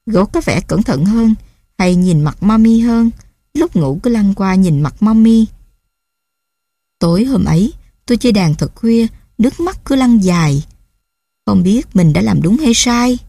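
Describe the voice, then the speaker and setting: A woman's voice: medium pitch, mellow, no room sound, studio quality. A mother reading her own story aloud in a tender, reflective way. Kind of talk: reading a personal memoir aloud.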